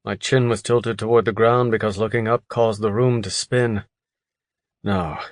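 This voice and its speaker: A man narrating an audiobook in a steady, even first-person storytelling voice. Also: on the low side, no room sound, clean studio sound. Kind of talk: scripted narration.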